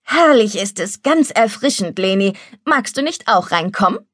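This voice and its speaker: A woman's voice: medium pitch, expressive, moderate pace, a bit bright, no echo. A woman voicing a cheeky, carefree young boy who teases playfully, in a storybook reading. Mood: teasing. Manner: teasing, playful. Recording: dry studio recording.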